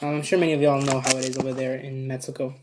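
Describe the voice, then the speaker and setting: Talking to a camera set up in front of them, a vlogger tells a story in a very fast, level, medium-pitched voice with background noise behind it. The storytime is loose and casual, rambling with lots of restarts and fillers and plenty of swearing.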